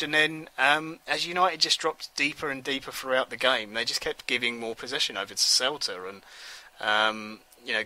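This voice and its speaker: A man's voice: fairly low pitch, sharp tone, low-quality recording. A man hosting a football podcast, talking through a match in a casual, rambling way with lots of ums and restarts. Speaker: podcast host.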